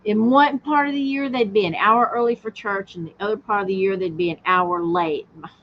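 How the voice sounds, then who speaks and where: A woman's voice: medium pitch, a little fast. A middle-aged woman co-hosting a casual livestream chat, joking and giggling as she talks. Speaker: co-host. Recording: dull lo-fi stream audio with faint hiss.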